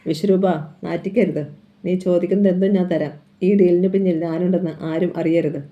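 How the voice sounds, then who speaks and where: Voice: medium pitch, steady tone, brisk, dark tone, close to an everyday voice. A narrator reading a scheming male politician caught out, pleading and faltering, in a plain voice close to the narration. The recording is dull and lo-fi.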